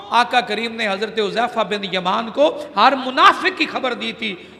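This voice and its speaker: A man's voice: very high-pitched, vocal fry, pushed and bright. A man preacher telling a story in an emotive sermon, exclaiming and laughing often. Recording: long hall reverb.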